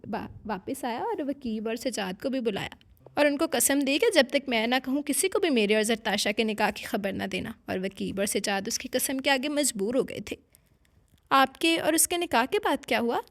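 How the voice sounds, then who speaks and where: A woman narrating a romance novel as an audiobook, in an even storytelling manner. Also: a little high.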